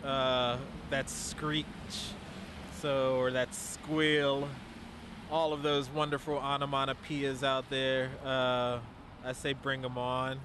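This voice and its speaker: A man's voice: medium pitch, completely flat delivery. Enthusiastic young man recorded on the street. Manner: enthusiastic, halting, laughing. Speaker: sound artist guest. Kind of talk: casual interview. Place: outdoors by a street and parking garage. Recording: outdoor street recording with traffic. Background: traffic and vehicles.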